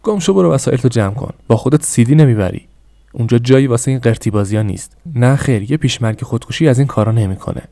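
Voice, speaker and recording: A man's voice: on the low side, expressive, mellow, dry recording, studio quality, natural voice. A man voicing an angry, stern father who scolds his son harshly. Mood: furious.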